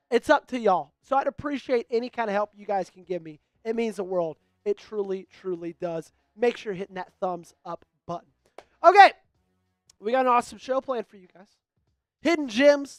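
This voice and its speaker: High-voiced hyped man hosting a stream. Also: no room sound, studio quality. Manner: upbeat, rattles off viewer shout-outs. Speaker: host. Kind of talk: live-streamed sports talk.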